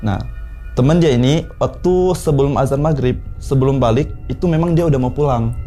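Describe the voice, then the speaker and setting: Young man, 20s, from South Sulawesi, warm mellow voice, slow casual horror storytelling. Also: mid-range voice, faint music behind. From South Sulawesi, Indonesia. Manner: unhurried, many pauses and fillers. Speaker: guest storyteller.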